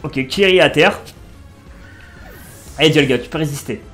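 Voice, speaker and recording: A man in his twenties giving casual, excitable commentary while playing a video game and talking to his viewers. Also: on the high side, normal speed, soft background music. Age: 20s. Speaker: let's play streamer.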